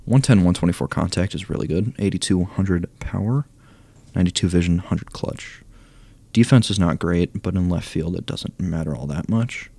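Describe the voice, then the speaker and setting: A young man commenting casually on a baseball video game, reading stats aloud and thinking out loud, hoarse as he loses his voice. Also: low-pitched, normal speed. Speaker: gaming YouTuber ranking cards.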